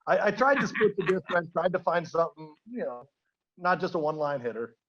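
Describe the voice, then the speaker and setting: A man's voice: fairly high pitch, big pitch swings, fast, a bit bright. Man with a dull lo-fi sound. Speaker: podcast host. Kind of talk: casual podcast chat.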